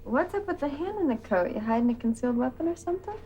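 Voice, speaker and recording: A woman's voice: sits high, animated, fast talker, dark tone. An actress playing a kindly young woman in a film, talking in a conversational, tactful way. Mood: curious, teasing. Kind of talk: naturalistic film acting.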